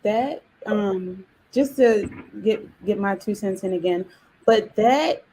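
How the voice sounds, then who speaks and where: A young woman hosting a casual panel discussion, relaxed and chatty, asking questions. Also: medium pitch, slow, a little hiss or hum, rough recording. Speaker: discussion host.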